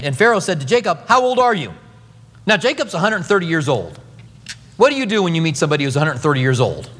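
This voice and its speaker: A man in his fifties preaching a conversational sermon, acting out the quotes he tells. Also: sits high. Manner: animated, conversational, acts out quotes. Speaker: pastor. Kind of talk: expository sermon. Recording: long hall reverb.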